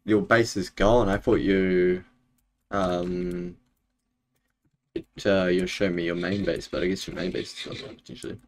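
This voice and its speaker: A man's voice: low-pitched, little pitch movement, a little slow. A young man chatting casually with viewers while streaming a game from home, laid-back and full of fillers. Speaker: Minecraft streamer. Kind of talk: casual live-stream gaming chat. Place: home room, indoors.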